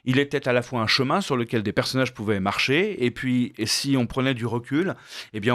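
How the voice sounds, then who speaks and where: A man's voice: mid-range voice, no room sound, clean studio sound. A man giving radio interview answers about his art, thoughtful and full of hesitations and restarts. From Flemish background. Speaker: guest, painter and storyboard artist.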